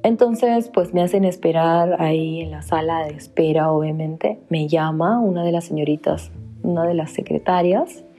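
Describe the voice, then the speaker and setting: Young woman, Peruvian accent, low and warm, casual confessional storytelling. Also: normal speed, faint music behind. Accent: Peruvian Spanish. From Peru. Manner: confiding, speaks straight to viewers. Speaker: vlogger.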